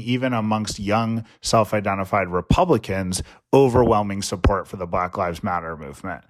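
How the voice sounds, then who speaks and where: Earnest man organizing young voters. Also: on the low side. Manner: earnest, energetic advocacy. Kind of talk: interview answers.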